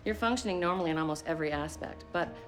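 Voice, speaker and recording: Woman playing a quick dry-witted lady doctor, lowish voice, music behind. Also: close to an everyday voice. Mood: wry. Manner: dry, wry. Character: wry, brisk female doctor. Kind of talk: period TV drama.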